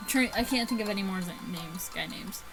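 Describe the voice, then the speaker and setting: A gaming YouTuber reads a visual novel aloud in casual, sweary let's play commentary, giggling and stumbling over the text. Her voice is medium-pitched and a little fast, the audio is poor, and music plays behind her.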